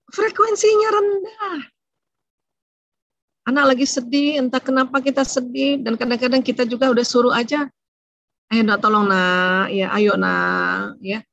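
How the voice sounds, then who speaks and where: A woman giving a religious seminar talk on family and emotions, explaining in a conversational way and often tagging her phrases with a soft "ya". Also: high-pitched, no room sound, muffled recording. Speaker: Islamic lecturer on family and emotions.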